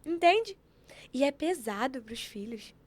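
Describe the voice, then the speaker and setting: A woman telling stories in an animated, preachy way, acting out quotes as she chats on a podcast. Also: high-pitched, unhurried. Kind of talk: casual chat.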